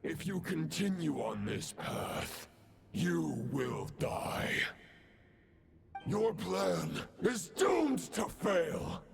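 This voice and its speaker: A grim, proud dark knight, his voice thick with gravel, declaims slowly in archaic, formal language. The pitch swings theatrically from line to line, as in a fantasy video game, with music playing behind him. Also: sing-song, full character voice. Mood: stern, forceful. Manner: grandiose, formal, slow declamation. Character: grim, proud fallen knight serving dark powers, solemn male.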